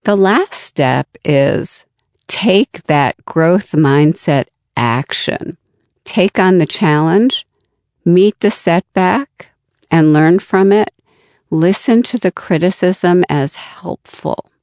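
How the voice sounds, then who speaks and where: Slow, deliberate woman guest. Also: lowish voice, a little mellow, no echo, studio quality. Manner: slow, deliberate, acts out inner voices. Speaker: guest expert. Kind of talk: interview answers.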